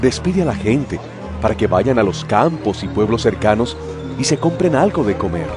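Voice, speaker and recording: An actor playing a practical, concerned disciple in a dramatized Bible story. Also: male voice, fairly low pitch, sing-song, normal speed, over music.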